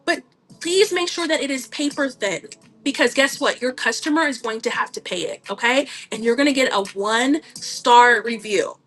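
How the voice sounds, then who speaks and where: A woman hosting a live stream, giving chatty, animated selling tips and greeting viewers as she goes. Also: high voice, moderate pace. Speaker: online seller hosting a livestream.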